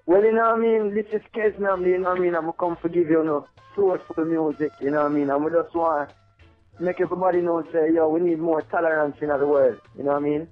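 A man's voice: on the high side, steady tone, fast. Man talking over the phone. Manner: rambling, repeats "you know what I mean". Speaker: reggae artist guest. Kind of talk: phone interview, casual. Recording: tinny phone line, faint music behind.

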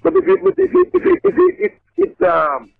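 A middle-aged reggae artist with a Jamaican accent, heard over a phone line, talking in a laid-back, rambling way with lots of restarts. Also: male voice, extremely high pitch, wildly swooping pitch, fairly quick, creaky, no echo. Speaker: reggae artist calling in as a guest. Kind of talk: casual radio phone interview. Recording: tinny dry phone line with faint music.

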